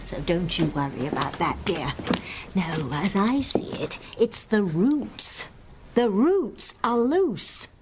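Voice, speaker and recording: A woman's voice: mid-range voice, animated, slow, background noise. An actress playing a scheming old witch who feigns sweetness, theatrical and conspiratorial, in a soap opera. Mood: falsely reassuring. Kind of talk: daytime soap opera acting. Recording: music under the dialogue.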